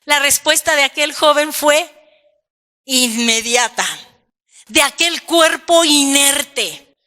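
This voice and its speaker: A woman preaches a sermon at an unhurried, measured pace, and her voice sits high. Her tone is bright and ringing. She leans on repeated phrases and calls her listeners brother.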